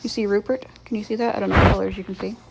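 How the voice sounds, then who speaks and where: Woman doing casual craft video voiceover, lots of vocal fry, kinda sarcastic n rambly, pokes fun at herself. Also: mid-range voice, steady tone, very fast, heavy background noise. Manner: playfully sarcastic, rambling, self-deprecating. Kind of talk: casual voice-over commentary on painting.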